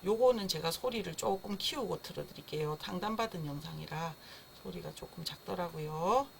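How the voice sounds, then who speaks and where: A woman's voice: fairly low pitch, normal speed, gravelly, a little hiss or hum. Woman teaching a live parenting class. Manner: friendly, explanatory, imitates baby cries. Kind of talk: live-streamed online lecture. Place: indoor room, streaming live.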